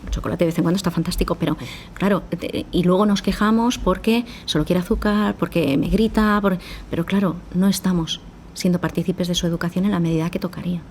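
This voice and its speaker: A woman psychologist appearing on a podcast talks quickly in a fairly low, steady, slightly mellow voice, with a bit of hiss or hum in the recording. She explains in detail and re-enacts her exchanges with parents.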